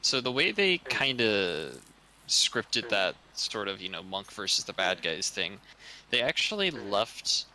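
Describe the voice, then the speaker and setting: Chatty low-voiced man with a bright edge. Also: very animated, a little slow, slight background noise, poor audio. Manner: chatty, rambling with many fillers and laughs. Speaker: speedrun commentator. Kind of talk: casual game commentary.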